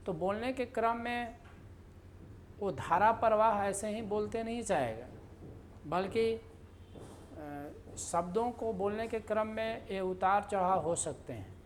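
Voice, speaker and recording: A woman teaching a grammar lesson in a slow, explanatory way, with many fillers and repeated example sentences. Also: mid-range voice, a little hiss or hum. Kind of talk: lecture.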